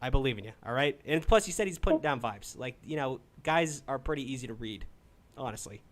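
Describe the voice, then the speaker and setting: A man's voice: medium pitch, animated, fairly quick. A man in his twenties with a New England accent hosting a call-in livestream, rambling and swearing as he gives advice. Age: 20s. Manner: loose, swearing, rambling pep talk. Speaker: call-in show host. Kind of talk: casual livestream chat.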